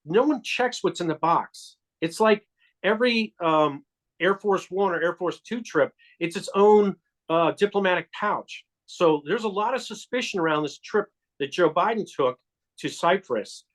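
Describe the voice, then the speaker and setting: A man speaks as an interview guest with a voice pitched a bit above most men's. He builds his account step by step, emphatic and insistent. He often restarts mid-sentence as he goes. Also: animated, a little slow. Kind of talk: explanatory storytelling in an interview.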